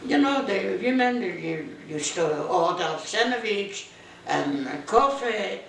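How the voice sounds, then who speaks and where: A woman, reminiscing in halting, broken English in an interview at home. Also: medium pitch, lively intonation, vocal fry. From Eastern Europe (now Belarus). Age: 90s. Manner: halting, repetitive, broken English, quotes her husband's words. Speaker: interviewee, grandmother recalling her life. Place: home room in Montreal. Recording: roomy, distant camera mic, faint noise.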